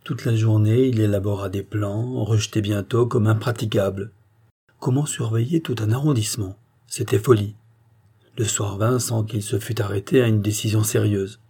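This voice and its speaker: Brief: male audiobook narrator, steady scripted narration of a detective novel, warm, breathy edge. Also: fairly low pitch, normal speed.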